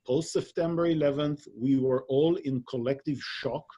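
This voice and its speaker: A man's voice: medium pitch, normal speed, mellow, slightly rough, highs cut off. A middle-aged man from Israel, telling his story with jokey asides in a casual webinar conversation. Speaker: webinar co-host.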